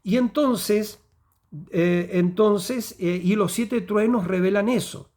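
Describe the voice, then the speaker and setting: A man's voice: high voice, takes it slowly, darkish tone. A man preaching a sermon, often checking in with the listeners and repeating phrases as he builds a point. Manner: teaching tone with frequent "¿ya?" and "¿cierto?" checks.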